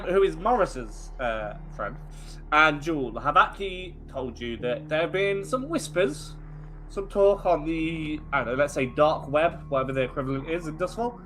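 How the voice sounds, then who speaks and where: A man narrating as game master of a tabletop game, animated and chatty, with asides to his players. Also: fairly high pitch.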